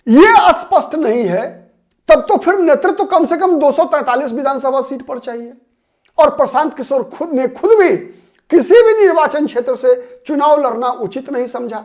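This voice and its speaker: A man's voice: very high voice, animated, unhurried, a little mellow. A man hosting his own channel, giving solo political commentary. He talks analytically, repeats key names and words, and asks rhetorical questions before answering them himself.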